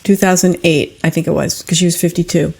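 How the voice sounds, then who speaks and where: An older podcast host with a lowish, creaky, slightly mellow voice and a breathy edge speaks briskly with fairly even intonation. She tells personal stories in an easy, conversational manner addressed straight to her audience.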